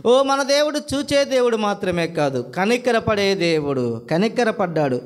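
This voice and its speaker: A man's voice: high voice, sing-song, a little slow. A man preaching a sermon, repeating phrases and asking the congregation rhetorical questions. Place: church service.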